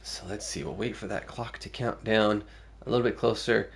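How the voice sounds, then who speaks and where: A low-voiced man with a gravelly edge chats casually while streaming a game. He muses aloud, weighing one choice against another as he plays. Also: normal speed, a little hiss or hum. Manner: musing aloud, thinking through choices. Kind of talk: casual gameplay commentary.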